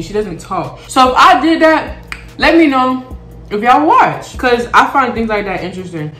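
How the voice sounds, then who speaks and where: A young woman with a lowish voice chats frankly and swears casually while eating on camera. She talks between bites in a relaxed, unscripted way. The sound bounces around an echoey room at home. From Florida, USA. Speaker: mukbang vlogger.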